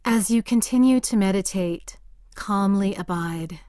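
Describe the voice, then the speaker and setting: A woman guiding a meditation in a soft, calm voice that sometimes drifts into a whisper. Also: medium pitch, unhurried, no echo, clean studio sound. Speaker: meditation guide. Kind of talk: guided meditation.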